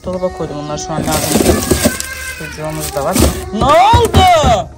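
A woman's voice: low-pitched, huge pitch swings, quick pace, loud music behind the voice. A woman in her thirties, a mother and home vlogger, chatting casually while she cooks, muttering little asides to herself. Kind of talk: casual vlog chat while cooking. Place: home kitchen.

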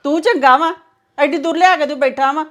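A woman's voice: high-pitched, brisk, natural voice. An actress playing a protective middle-aged mother who scolds her son-in-law sharply. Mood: scolding.

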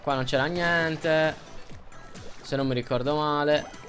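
A young man from Italy talks through a video game as he plays, excitable and quick to yelp when hit. He keeps repeating his words, and his delivery is unhurried between outbursts. Soft game music plays behind him. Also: on the high side. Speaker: gaming youtuber. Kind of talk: gameplay commentary.

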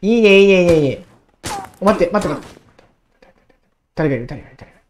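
A woman in her twenties giving casual gameplay commentary, excitable and talking to herself, repeating words in quick bursts. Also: on the low side, a little hiss or hum. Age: 20s. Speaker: gaming YouTuber.

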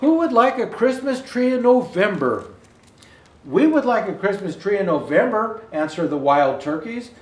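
An older man playing Santa Claus reads a children's picture book aloud in a high-pitched, sing-song voice, expressive and deliberate but stumbling now and then. He's in an indoor room with Christmas decor, recorded on a distant mic with a noticeable roomy echo.

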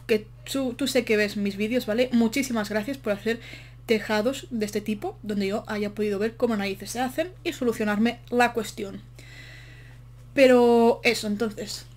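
A chatty woman provides casual voice-over while building in a game, rambling, short of breath, and dropping self-mocking asides. Her voice is a little high with a darkish tone.

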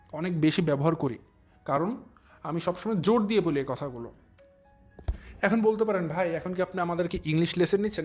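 Young male vlog commentator, high voice, mocking, stretches his stressed words, faint music bed. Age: young adult. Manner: drawn-out emphatic stresses, mocking. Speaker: commentary channel host. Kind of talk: casual commentary vlog addressing viewers.

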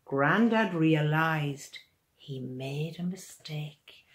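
Here a children's author in her sixties gives a read-aloud of her own picture book from a small room at home, with a little hiss or hum in the background. Her voice sits low, and her delivery is lively, expressive, and carefully paced.

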